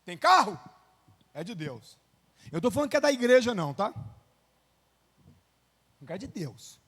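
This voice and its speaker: High-voiced Brazilian pastor preaching dramatically. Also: male voice, big pitch swings, normal speed, slightly rough. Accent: Brazilian Portuguese. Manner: dramatic, swings from quiet asides to shouted preaching; call-and-response, has the congregation repeat phrases. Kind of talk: sermon. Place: church hall. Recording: long reverb of a church hall.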